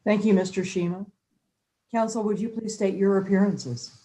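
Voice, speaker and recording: An American woman speaking as a presiding judge, addressing a court in a measured, official manner. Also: medium pitch, fairly even intonation, mellow, rough recording. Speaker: chief justice presiding in court.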